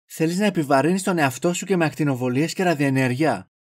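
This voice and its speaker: A man's voice: a little high, lightly acted. An actor playing a clueless, fussy young man who dithers and rambles. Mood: dithering. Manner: dithering and goofy.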